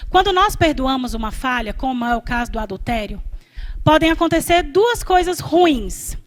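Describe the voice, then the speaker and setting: A woman's voice: high-pitched, a bit bright. A woman evangelist with a Brazilian Portuguese accent preaching a sermon to a congregation, driving her points home with repeated refrains and direct address.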